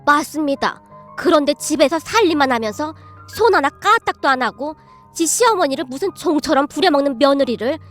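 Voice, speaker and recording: A woman voicing a sharp, outspoken elderly grandmother in a storybook tale, arguing forcefully. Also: high voice.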